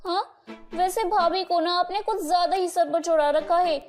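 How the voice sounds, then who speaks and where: A woman's voice: very high voice, fairly even intonation, moderate pace, voice pushed up. A woman voicing a scheming young married sister-in-law who taunts and complains, over light music. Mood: taunting.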